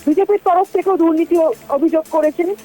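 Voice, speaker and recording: High-voiced woman reporter explaining. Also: brisk, warm tone, soft background music, rough recording. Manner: hesitant, with fillers and restarts. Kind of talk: live news analysis.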